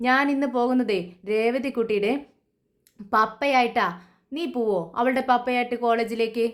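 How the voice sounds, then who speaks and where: A firm, kindly older man who settles family quarrels in a homespun serial retelling, read by a woman narrator. He scolds gently and matter-of-factly. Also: a little high, fairly even intonation, normal speed, close to an everyday voice.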